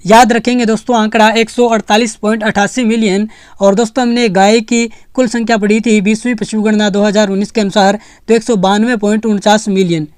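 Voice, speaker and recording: Coaching teacher, smooth clear voice, dry close recording, drills facts by repeating them. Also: mid-range voice, little pitch movement, a little fast, darkish tone, no echo. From Rajasthan. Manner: repeats key facts, addresses students as friends. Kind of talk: online exam-prep lecture.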